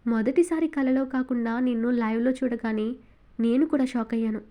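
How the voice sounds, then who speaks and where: A woman's voice: fairly high pitch, fairly even intonation, brisk, lo-fi sound, natural voice. A woman voicing a naive, timid young woman in a romance audiobook, innocent and pleading. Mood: sheepish.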